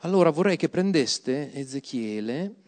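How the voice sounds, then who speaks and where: A man preaching and leading prayer in church, slow and prayerful, rising to loud fervent exclamations. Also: a little high, lively intonation. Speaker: pastor. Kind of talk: sermon.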